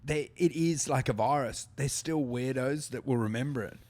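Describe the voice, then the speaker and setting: A man, hosting a casual chat, crude and quick to mock. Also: mid-range voice, a little mellow. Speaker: podcast host.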